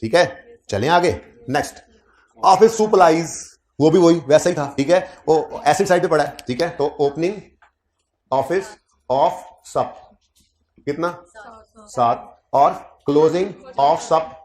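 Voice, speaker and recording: A man's voice: a little high, measured pace, a little mellow. A man giving an accounting lecture, quizzing students on figures and adding teasing asides. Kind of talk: classroom lecture.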